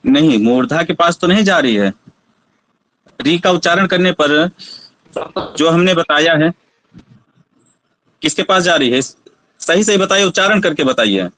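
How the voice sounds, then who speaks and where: Slow, high-voiced male teacher. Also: expressive, a bit bright, poor audio. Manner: patient, asks students to try sounds aloud. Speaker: Sanskrit teacher. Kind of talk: classroom lesson on pronunciation.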